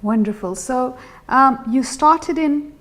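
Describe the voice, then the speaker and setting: A woman's voice: high voice, slow, fairly bright tone. A woman hosting a talk show, asking loose, rambling questions. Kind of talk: interview.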